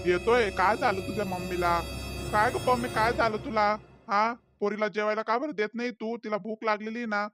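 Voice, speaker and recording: A man voicing a patient father in a cartoon, soothing his daughter and trying to calm his quarreling family. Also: sits high, brisk, soft background music. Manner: soothing, placating. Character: patient, placating young father. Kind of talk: cartoon voice acting.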